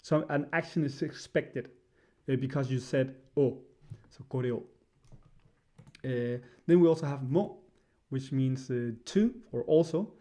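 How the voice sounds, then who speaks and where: A man giving a casual spoken lesson, hesitant and filling pauses with "uh" and "right?". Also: medium pitch, dark tone. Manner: hesitant, many fillers, frequent "right?". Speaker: language teacher.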